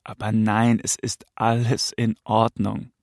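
A man's voice: fairly low pitch, monotone, takes it slowly, darkish tone, no echo, clean studio sound. A man playing an uneasy, soothing father. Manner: soothing, hesitant. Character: uneasy father, gentle, trying to stay calm.

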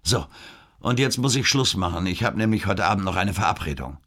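A man reading an audiobook and voicing a self-assured, teasing male doctor who is a womanizer, with a husky voice. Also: deep voice, expressive, fairly quick, fairly bright tone, pitched above the performer's own voice, exaggerated voice. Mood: smug. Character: smug middle-aged male doctor, womanizer. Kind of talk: audiobook character voice.

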